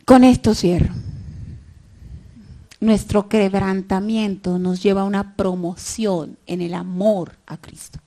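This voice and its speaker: Slow, hushed woman preacher. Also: little pitch movement. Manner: slow, dropping to near whispers for scripture and rising to fervent high cries. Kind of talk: Sunday sermon.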